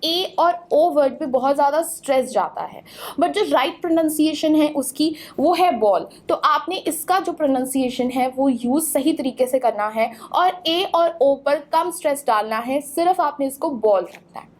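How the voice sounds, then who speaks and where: A woman teaching English pronunciation in a clear, instructive lesson, spelling words out letter by letter. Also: high-pitched, moderate pace, a little mellow. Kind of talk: explanatory lesson.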